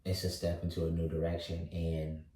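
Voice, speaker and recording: Deep-voiced thirty-year-old man musing aloud. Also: completely flat delivery, mellow, recorded from a distance. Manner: halting, many fillers and restarts. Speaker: vlogger. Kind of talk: reflective casual monologue. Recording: roomy echo, voice set back from mic.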